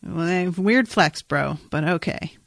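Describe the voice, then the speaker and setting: This woman's voice sits on the low side, unhurried and creaky, in clean studio sound without echo. Co-hosting a laid-back podcast recapping TV episodes, she's sarcastic and slangy, swears casually, and comes across as exasperated and incredulous.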